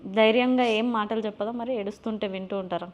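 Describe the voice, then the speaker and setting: A woman's voice: mid-range voice, steady tone, fast. A woman interviewing a guest with probing, direct questions. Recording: muffled recording.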